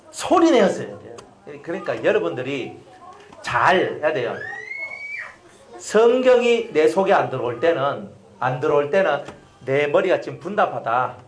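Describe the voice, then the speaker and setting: A middle-aged man preaching a sermon as a pastor, animated and repetitive, often asking the congregation questions. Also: fairly high pitch, echoey room, slight background noise. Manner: animated, repeats phrases and asks the congregation questions.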